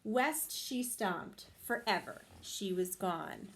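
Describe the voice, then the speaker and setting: Teacher lady reading a picture book to kids, high voice that swoops a lot, takes her time. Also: takes it slowly, gravelly. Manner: expressive, lively storytelling.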